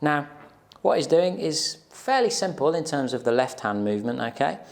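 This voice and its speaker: This thirtysomething guitar teacher's voice runs high and animated, moving at a moderate pace with some vocal fry. He talks viewers through a tutorial informally on camera, checking in with them regularly, recorded via lapel mic in a small, plain indoor room.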